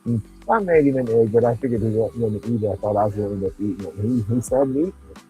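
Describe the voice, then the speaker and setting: A man's voice: lowish voice, fast talker, dark tone, soft background music, rough recording. An older man, chatting casually and rambling on a livestream, often laughing. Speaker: livestream host. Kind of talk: casual chat.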